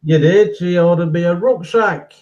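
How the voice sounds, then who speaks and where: A man's voice: high-pitched, moderate pace, a little mellow, highs cut off. A man hosting a casual live stream, jokey and greeting viewers by name.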